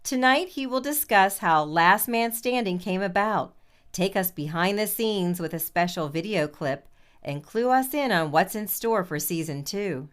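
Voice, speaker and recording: A woman's voice: mid-range voice, expressive, unhurried. A woman reading scripted listening-practice material in a formal, carefully enunciated way.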